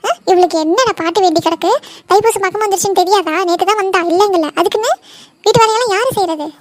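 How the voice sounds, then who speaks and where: A voice actor playing a scolding older village mother-in-law in a cartoon comedy, nagging and shrill. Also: fast.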